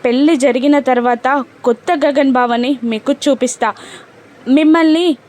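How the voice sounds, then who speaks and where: An eager young woman spills out her news in an excited rush, read by a woman narrator. The voice sits high and light, close to a plain reading voice. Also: lightly acted. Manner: excited, rushed.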